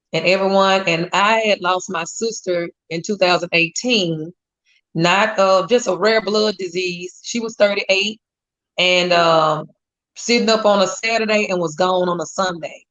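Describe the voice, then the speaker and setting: A woman in her forties giving a grateful, steady personal testimony as a guest. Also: on the low side, measured pace. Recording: dull lo-fi audio.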